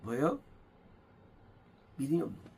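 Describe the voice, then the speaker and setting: A man's voice: medium pitch, wildly swooping pitch, brisk, gravelly, darkish tone, husky. A man preaching a sermon as pastor, pressing his points by repeating phrases and asking rhetorical questions. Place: church.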